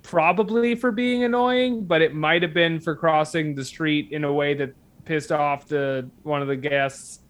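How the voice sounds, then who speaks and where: A man's voice: on the high side, unhurried, hardly any pauses. A man chatting casually and comically, telling rambling anecdotes as a guest. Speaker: guest telling stories of odd jobs.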